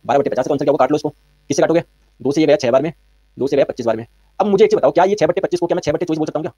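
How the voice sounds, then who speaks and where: Male physics tutor, brisk and quizzing, slightly high voice, dry close sound. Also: dark tone, no room sound, lo-fi sound. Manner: brisk, quizzing students with repeated questions. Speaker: physics teacher. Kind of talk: online exam-prep physics lecture.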